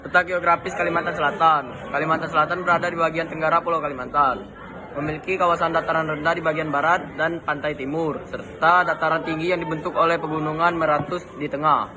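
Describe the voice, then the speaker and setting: A teenage boy reads out a school presentation in a slightly high voice, stumbling and restarting now and then. A crowd murmurs clearly behind him, as in a busy classroom. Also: fairly even intonation, fairly quick, noisy background. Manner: reads a prepared text aloud with slips and restarts. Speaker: student presenter.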